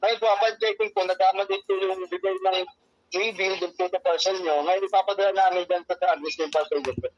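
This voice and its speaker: On a muffled, lo-fi phone line with a dry sound, a Filipino-accented man plays a courier customer-service agent, his voice high and his intonation fairly even. He talks briskly, explaining deferentially and repetitively while addressing the caller politely again and again. There's slight background noise.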